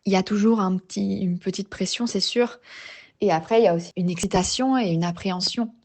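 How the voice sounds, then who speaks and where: A woman from the Geneva region of Switzerland tells a personal story as a podcast interview guest, speaking reflectively with many hesitations and restarts. Her voice is medium-pitched and darkish, and her pace is brisk.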